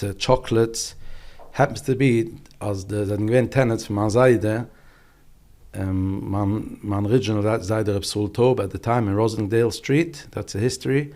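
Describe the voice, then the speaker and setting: On a podcast, an English business leader in his forties tells relaxed interview stories as a calm, unhurried storyteller. He speaks in a low, steady voice and switches between languages freely.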